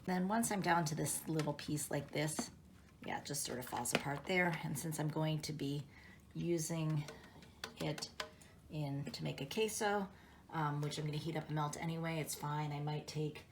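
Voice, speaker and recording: A low-pitched woman walks through a recipe in her own kitchen, chatty and explanatory, pausing on fillers as she goes. The recording is noisy, with a steady hiss and clicks under her voice. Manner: explanatory and unhurried, with many fillers. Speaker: home cook demonstrating a recipe. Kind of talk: casual cooking demonstration. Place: home kitchen.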